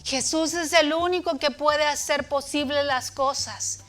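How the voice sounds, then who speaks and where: A woman teaching a children's church lesson, speaking tenderly to the kids and booming out dramatic commands in her story, with a Latin American Spanish accent. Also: fairly even intonation, measured pace, fairly bright tone, faint music behind. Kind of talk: children's sermon.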